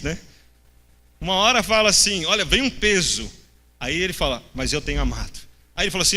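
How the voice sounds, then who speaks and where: A man's voice: high-pitched, sharp tone. A Brazilian man teaching a church Bible class, addressing the listeners as brothers and acting out the people's questions in a mocking tone. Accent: Brazilian Portuguese. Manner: talks straight to the class as brothers. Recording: long hall reverb.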